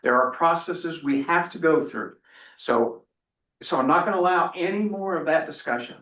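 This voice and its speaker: A man's voice: on the high side, pushed and bright. Man chairing a meeting, echoey room. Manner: procedural, firm, measured. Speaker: selectboard chair. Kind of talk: town meeting proceedings.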